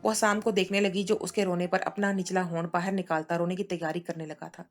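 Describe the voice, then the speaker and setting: A woman narrating a romance novel aloud in a steady storytelling voice. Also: on the low side, brisk, soft background music.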